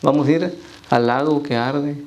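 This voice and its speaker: A man's voice: on the high side, moderate pace, a crowd in the background, rough recording. A man leading a church Bible study, reading scripture aloud and quizzing the congregation.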